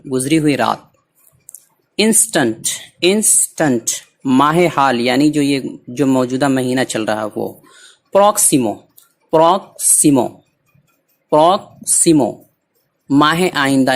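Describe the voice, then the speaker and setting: Slow, deliberate male language teacher. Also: medium pitch, a bit bright. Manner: slow and deliberate, repeating each word for pronunciation. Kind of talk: recorded language lesson.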